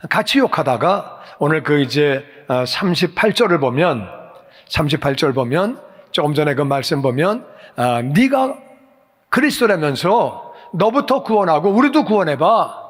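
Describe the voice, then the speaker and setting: Pastor guy preaching, really animated, swings his voice around, echoey church hall. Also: fairly high pitch, husky. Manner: animated, acts out dialogue with raised voice. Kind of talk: sermon. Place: church sanctuary.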